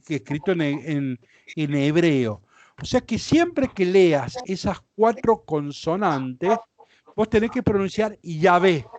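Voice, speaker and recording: Casting: Rioplatense priest leading a Bible class, high animated voice, slow patient delivery, dry close sound. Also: male voice, dry recording. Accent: Rioplatense Spanish. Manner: explanatory, frequent checks like ¿sí? and ¿ven?.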